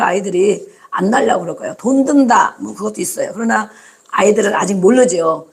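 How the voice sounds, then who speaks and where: A woman's voice: fairly high pitch, vocal fry. A woman pastor preaching a sermon, putting rhetorical questions to the congregation and repeating phrases for emphasis.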